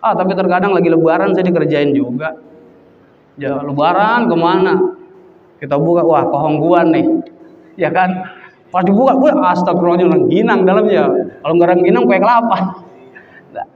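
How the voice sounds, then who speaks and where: A man with a Betawi accent giving a casual, jokey sermon, telling a folksy story with loud acted cries. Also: high-pitched, normal speed, pauses often, slight background noise. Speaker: preacher. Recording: roomy hall from far off, dull sound.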